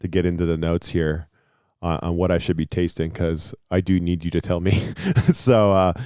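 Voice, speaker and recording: A man's voice: low-pitched, flat delivery, normal speed, mellow, clean tone, dry recording, clean studio sound. A man co-hosting, chatting casually in a teasing, laid-back way. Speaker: co-host. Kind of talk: casual chat.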